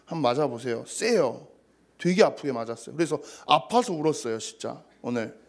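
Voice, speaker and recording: A man's voice: medium pitch, animated, brisk, vocal fry. A man in his thirties, a youth pastor, giving a casual, story-filled sermon to teenagers. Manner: casual storytelling with acted quotes.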